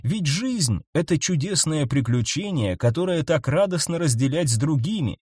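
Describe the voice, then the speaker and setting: A man doing expressive scripted narration of a sci-fi story. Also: on the high side, moderate pace, husky, no echo, clean studio sound. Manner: animated storytelling. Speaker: audiobook narrator.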